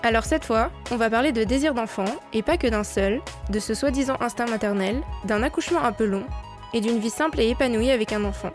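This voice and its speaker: A woman's voice: on the high side, fairly quick, music in the background. Woman hosting a podcast intro. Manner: clear, friendly, addressing the listener directly. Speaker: podcast host.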